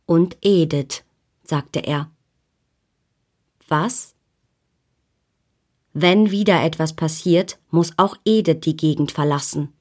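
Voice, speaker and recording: A woman's voice: deep voice, slow pace, pauses often, darkish tone. A woman voicing a scheming, domineering man who leads a village, in an audiobook reading, menacing and mocking. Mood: commanding. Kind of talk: audiobook character voice.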